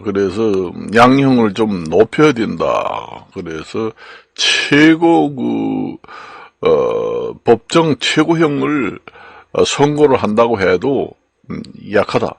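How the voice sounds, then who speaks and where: An older man from Gangwon Province giving an unscripted lecture as a channel host, slow and halting with many fillers and repeated words. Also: fairly low pitch, gravelly, husky, dry recording. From Gangwon Province, Korea. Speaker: channel host explaining law and Chinese characters.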